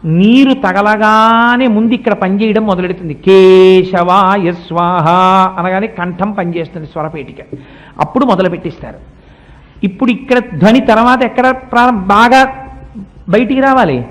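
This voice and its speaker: A middle-aged man giving a devotional discourse, explaining at length and chanting mantras slowly. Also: high-pitched, fairly bright tone. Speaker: religious speaker.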